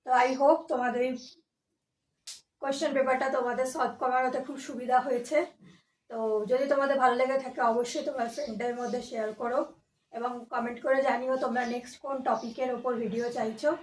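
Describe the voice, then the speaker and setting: A woman's voice: high-pitched, fairly even intonation, fast talker. A woman teaching English grammar for an exam, explaining each answer patiently and step by step. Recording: echoey room, voice from a distance.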